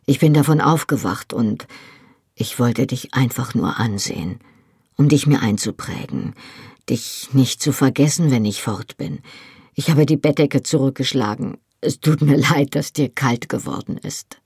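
A woman voicing a hushed, tender Highland warrior. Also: a little slow, breathy edge, dry recording, clean studio sound, full character voice. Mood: earnest. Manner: low, hushed, murmuring.

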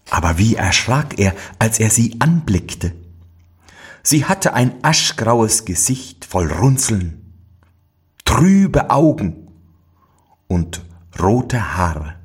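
A man reading a fairy tale aloud as narrator, measured and expressive. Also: fairly low pitch, slightly rough.

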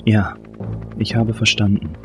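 A man voicing a shaken, resigned woman suspect who speaks quietly and evenly, with music behind. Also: fairly low pitch, a little slow, close to an everyday voice. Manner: quiet, composed.

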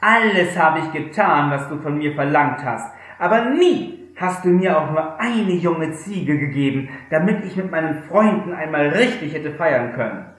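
A man's voice: on the high side, lively intonation, normal speed, hardly any pauses, a bit bright. A man reading aloud who voices a bitter, resentful elder son, recorded in a very echoey room. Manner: bitter, complaining.

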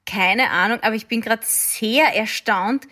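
A woman chatting casually on a podcast, lively and teasing. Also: fairly high pitch, measured pace. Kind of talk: casual chat.

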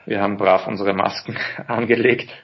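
A man's voice: on the low side, level tone, husky. A man hosting a political podcast interview, asking questions at length. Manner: asks questions at length, measured. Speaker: podcast host. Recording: dull lo-fi audio.

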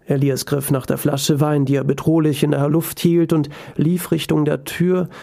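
A man narrating a story in an even, calm storytelling voice. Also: on the high side, moderate pace, vocal fry.

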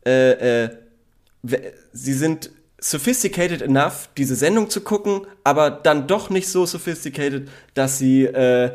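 A man of average pitch talks casually with a co-host, circling his points with plenty of fillers. He sometimes speeds up into quick bursts before slowing to search for the next word. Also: animated. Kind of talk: casual chat.

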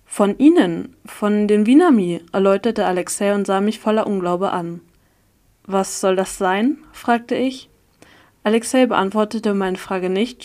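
A woman narrating a novel in the first person at a calm, even reading pace. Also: mid-range voice. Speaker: audiobook reader.

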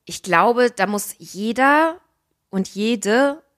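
A woman's voice: fairly high pitch, expressive, a bit bright. Opinionated woman in casual chat. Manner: emphatic and opinionated, quick asides. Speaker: podcast co-host.

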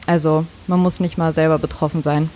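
A woman's voice: deep voice, flat delivery, fairly quick, mellow, slight background noise. A woman co-hosting a podcast who talks earnestly and reflectively in a casual chat. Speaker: podcast co-host.

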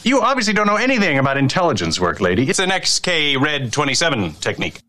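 A brash, condescending man sneering at a woman. His voice sits high and bright, racing along with wild swings in pitch. A film clip. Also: huge pitch swings, fast, heavily acted.

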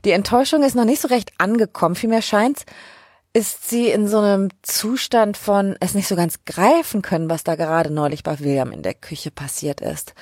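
Husky woman recapping a show. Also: medium pitch, darkish tone, dry recording, studio quality. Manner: chatty and colloquial, with wry asides. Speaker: series recap host. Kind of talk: casual episode recap narration.

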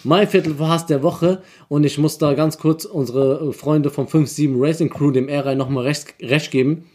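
A man co-hosting a podcast, his voice a little higher than most men's. He talks in a loose, animated way, joking and swearing freely. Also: normal speed. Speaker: podcast co-host. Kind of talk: casual chat.

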